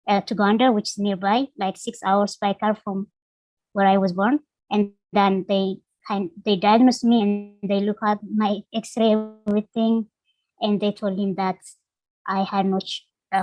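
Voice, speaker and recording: A young woman from Ethiopia, a guest on an interview podcast, telling her life story in an earnest, halting way, with many fillers. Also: medium pitch, darkish tone, no room sound, poor audio. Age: young adult. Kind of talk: personal storytelling.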